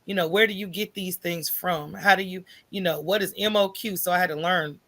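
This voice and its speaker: Speaking fairly quickly in a lowish, slightly bright voice, an American woman, an entrepreneur guesting on a podcast, tells her personal story. Her manner is informal and candid, with frequent check-ins of "right?" in a conversational interview.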